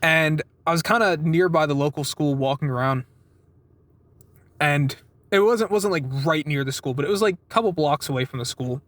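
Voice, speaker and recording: Recorded with no room sound, a young man in his twenties rambles through a weekly vlog, telling casual stories, cursing occasionally, and playing out other people's lines. He speaks at a moderate pace in a somewhat high, slightly bright voice.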